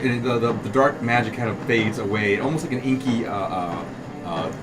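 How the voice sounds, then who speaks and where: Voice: medium pitch, normal speed. A game master narrating a tabletop game casually, feeling for words and improvising descriptions and rulings.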